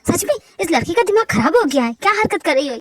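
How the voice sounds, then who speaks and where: Woman playing a young male doctor, high voice, flustered then stern, fan dub. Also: big pitch swings, quick pace. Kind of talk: amateur Hindi fan dub.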